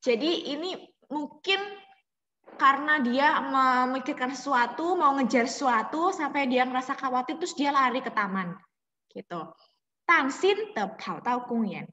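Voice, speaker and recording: A woman's voice: high voice, expressive, unhurried, pushed and bright, lo-fi sound. A young woman teaching Mandarin on a video call, explaining in Indonesian mixed with Mandarin and quizzing her students. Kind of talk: online class teaching. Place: home room on a video call. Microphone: video call mic. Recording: echoey room with long reverb.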